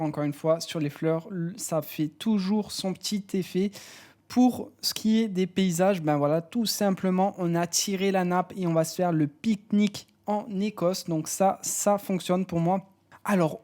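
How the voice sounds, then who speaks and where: A man giving a casual walkthrough tutorial, chatty and relaxed, sharing personal opinions with frequent fillers. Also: high-pitched. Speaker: AI image tutorial creator. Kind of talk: casual screen-walkthrough commentary.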